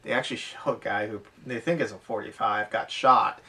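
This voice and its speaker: An airsoft podcast co-host talks casually and off the cuff, explaining things and thinking aloud in loose, run-on sentences. His fairly low voice is bright and forceful, fairly quick and fairly even in intonation, and he sounds distant from the microphone.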